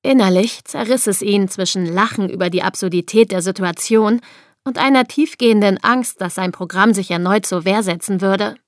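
A woman's voice: medium pitch, moderate pace, dry recording, studio quality. A woman narrating a thriller audiobook expressively, acting out the dialogue.

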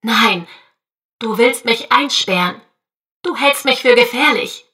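A woman's voice: on the high side, slow pace, pushed and bright. A woman doing a rogue AI program voice. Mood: insistent. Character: artificial program voice, rogue AI, defensive, menacing.

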